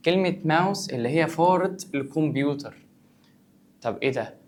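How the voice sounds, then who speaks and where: Male teacher, Egyptian Arabic accent, brisk classroom explainer. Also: fairly high pitch. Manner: quick, conversational, asks and answers his own questions. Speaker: English teacher. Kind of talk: vocabulary lesson for students.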